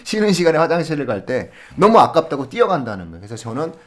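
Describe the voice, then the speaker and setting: A man on an education podcast, telling classroom stories in an animated way and laughing often as he gives advice. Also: fairly high pitch, quick pace. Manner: animated storytelling with frequent laughs; explains in a friendly advising way. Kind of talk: conversational podcast talk.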